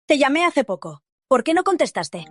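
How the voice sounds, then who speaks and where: A woman's voice: high-pitched, big pitch swings, normal speed, no echo, studio quality, faint music behind. A woman voicing a worried, apologetic young friend, in a Spanish drama dub. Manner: apologetic, anxious.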